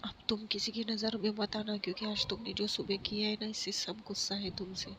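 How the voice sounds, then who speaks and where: A woman's voice: mid-range voice, flat delivery, a little fast, pushed and bright, slight background noise, lightly acted. A woman voicing a bossy, scolding middle-aged aunt while reading a storybook tale aloud.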